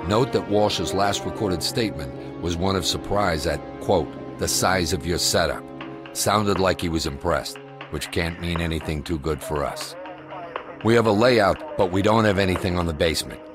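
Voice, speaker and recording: A man playing a grave, commanding American SWAT commander, delivering a measured, matter-of-fact mission briefing for a video game. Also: deep voice, close to an everyday voice. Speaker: police tactical commander.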